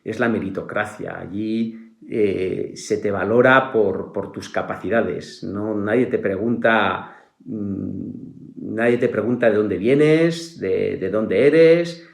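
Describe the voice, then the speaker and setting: A middle-aged man with a Spanish accent from Spain talks as a podcast guest, in a low-pitched voice. He speaks haltingly, stopping and restarting his phrases and tagging them with fillers. The recording has a roomy echo. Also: gravelly. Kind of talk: casual conversation.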